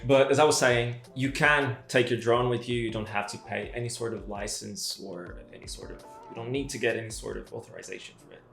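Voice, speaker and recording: A man co-hosting a travel vlog in casual chat, relaxed and fond of teasing. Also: mid-range voice, brisk, gravelly, few pauses. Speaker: travel vlogger co-host. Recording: echoey room with faint music.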